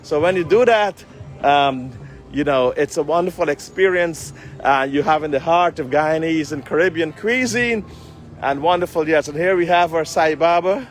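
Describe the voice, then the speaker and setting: Outdoors on a city street, with traffic and passing vehicles audible, a man on the high side speaks at normal speed. He's live-streaming as a community leader, addressing viewers earnestly in formal, public-speaker language.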